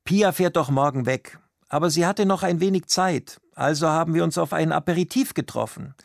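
A man voicing a cheerful, teasing husband in a slow read-aloud story. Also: fairly high pitch, creaky, no room sound, studio quality, voice pushed up. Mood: breezy. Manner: breezy, joking.

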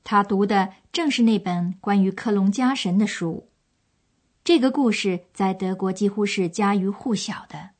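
For a language course, a female presenter reads scripted narration, explaining and retelling a story to listeners. Her voice is mid-pitched and unhurried.

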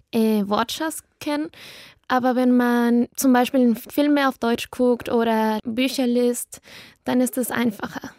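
A woman's voice: a little high, darkish tone, no room sound, studio quality. A woman of about nineteen from Ecuador, a native Spanish speaker with an Ecuadorian Spanish accent, talks earnestly in learner German about herself. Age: young adult, about 19. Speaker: German learner in a portrait interview. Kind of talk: personal portrait answers.

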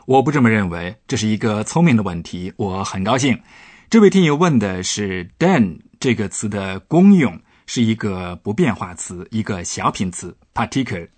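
Male professor, radio lesson, patient explanations, fairly low voice, lively intonation, dry studio sound. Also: normal speed, no echo.

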